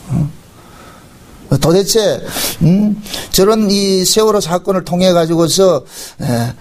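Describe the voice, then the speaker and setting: A middle-aged man preaching from the pulpit in a notably high voice. He keeps asking his listeners rhetorical questions, fills pauses with little grunts of "eh?" and "mm", and draws out key phrases for emphasis. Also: darkish tone. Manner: rhetorical questions with frequent fillers. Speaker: pastor. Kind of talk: sermon.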